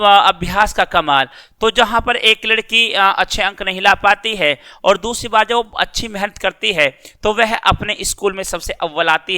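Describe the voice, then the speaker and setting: Male teacher, bright high voice, clear and crisp, reads story then explains simply. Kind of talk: reading and explaining a school lesson.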